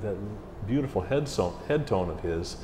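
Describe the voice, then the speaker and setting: A man's voice: lowish voice, normal speed. Chatty man in an echoey hall. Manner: chatty, animated, slips into mimicked voices. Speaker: orchestra music director, interview guest. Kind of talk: casual interview storytelling. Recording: roomy hall echo with faint ambient hiss.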